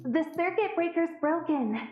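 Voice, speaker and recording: Man voicing young woman train attendant, very high-pitched, polite, brisk, reassuring, roomy echo, dull lo-fi sound. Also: animated.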